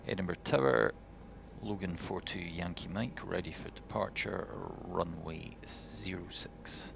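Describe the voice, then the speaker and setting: A man's voice: low voice, a little slow. A man playing pilot, making radio calls into a cockpit headset microphone in methodical, clipped callouts. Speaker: pilot in a flight simulator. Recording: dull lo-fi mic with clear noise.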